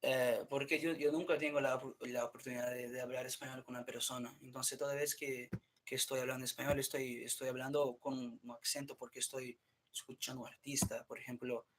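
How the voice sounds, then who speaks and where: A streamer talking to himself rambles casually in a medium-pitched, fairly flat voice, swearing often, restarting sentences, interrupting himself, and switching between English and Spanish. He speaks briskly, the tone is a bit bright, and there's a little hiss or hum.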